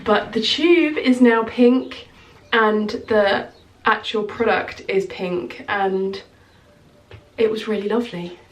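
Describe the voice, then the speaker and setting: A skincare consultant in her thirties vlogs to camera from a small bedroom at home, chatty and gesturing with her hands, slightly nasal from a cold. She speaks slowly at medium pitch, and the slightly distant mic picks up a roomy echo.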